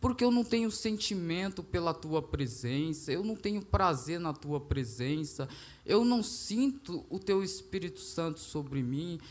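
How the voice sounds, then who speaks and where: A man with a Brazilian Portuguese accent speaks in a fairly high voice as he gives a heartfelt testimony in church. He talks earnestly and re-enacts his own pleading prayers with fervour. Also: expressive, moderate pace. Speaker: church member giving testimony.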